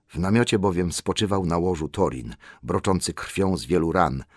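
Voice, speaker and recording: A man narrating a storybook in an expressive storytelling delivery. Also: a bass voice, slightly rough, dry recording, clean studio sound. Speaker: audiobook narrator. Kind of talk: scripted narration.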